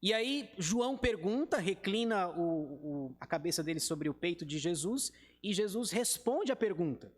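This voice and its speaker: A man's voice: high voice, animated, moderate pace, hardly any pauses, long reverb tail. A male pastor with a Brazilian Portuguese accent teaching a Bible study in a conversational way, talking to the group and acting out quoted lines. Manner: talks to the group directly and acts out quoted speech.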